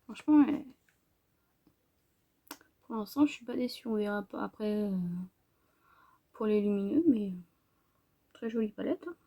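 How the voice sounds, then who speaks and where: A woman narrating a makeup tutorial in a soft, hesitant way, often dropping to a whisper. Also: mid-range voice, normal speed, vocal fry, pauses often, highs cut off. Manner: hesitant, many fillers. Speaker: makeup vlogger.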